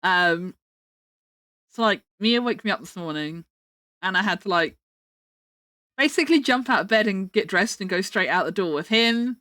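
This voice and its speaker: British female streamer, bright and dry-miked, cute and playful, loose rambling chat delivery. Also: medium pitch, animated, normal speed, long pauses, no echo. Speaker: livestream host. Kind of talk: casual livestream chat.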